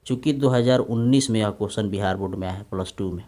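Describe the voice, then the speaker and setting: A man teaching English translation to exam students in Hindi, dictating sentences slowly and often asking "right, friends?". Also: fairly low pitch, warm tone. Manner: repeats tag questions to students. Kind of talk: Hindi-English grammar lesson.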